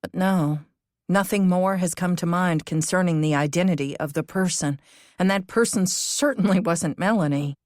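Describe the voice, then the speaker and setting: A woman's voice: lowish voice, moderate pace, darkish tone, dry recording, studio quality, natural voice. A woman narrator voicing an anxious, loyal female amateur sleuth in a cozy mystery audiobook, emphatic and questioning. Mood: defensive.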